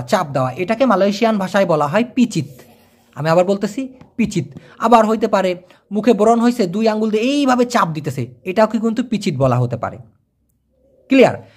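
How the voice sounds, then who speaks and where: A language teacher, explaining vocabulary over pictures and checking understanding with quick questions. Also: medium pitch. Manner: repeats each word and checks with quick questions.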